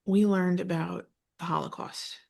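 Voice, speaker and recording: A woman from the United States in her thirties co-hosts a casual podcast. Her voice is a little low. She talks in a chatty, effusive way and restarts her sentences often. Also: fairly even intonation, unhurried, gravelly. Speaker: podcast co-host. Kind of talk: casual chat.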